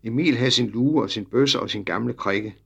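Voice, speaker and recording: A man reading a children's story aloud as narrator, in lively storytelling that drops low for the speech tags. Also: creaky, breathy edge, highs cut off. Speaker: audiobook narrator.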